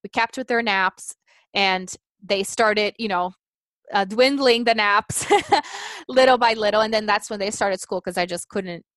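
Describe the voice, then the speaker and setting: In a casual interview chat, a woman in her thirties who speaks Portuguese natively and works as a life coach talks earnestly, thinking aloud with restarts and many "you know"s. She speaks at a measured pace in a medium-pitched, fairly bright voice, and there's no room sound.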